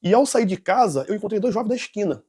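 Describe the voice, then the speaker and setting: Brief: nervous man, high husky voice, rushed testimony with restarts. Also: expressive, warm tone. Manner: rambling, with restarts and self-corrections. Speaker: interview guest giving a testimony. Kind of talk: personal testimony storytelling.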